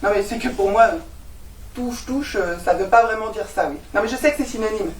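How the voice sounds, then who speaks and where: An actress in a stage comedy voices the new tenant, a sarcastic, exasperated young woman with a sharp, ironic tongue. Her brisk, slightly high voice sounds close to everyday speech, picked up from a distance with an echoey stage sound and a little hiss or hum.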